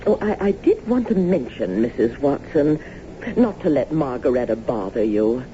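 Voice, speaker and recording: An actress with a mellow bass voice plays a genteel, eccentric lady landowner in a radio drama, very animated and gracious at normal speed, speaking with effusive, old-fashioned formality. The recording is a dull, noisy old radio broadcast.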